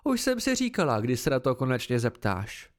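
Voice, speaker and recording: A man's voice: mid-range voice, huge pitch swings, pitched below the performer's own voice. Man doing a stern female sword teacher. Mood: instructive. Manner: blunt, instructive, measured. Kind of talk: amateur audiobook reading.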